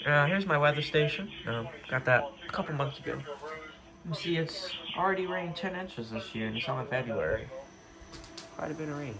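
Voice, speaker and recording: A man with a somewhat high, expressive voice speaks at a moderate pace while showing his radio gear in his own room, with a crowd audible in the background. The unscripted show-and-tell is rambling and hesitant, and the home recording is clearly noisy.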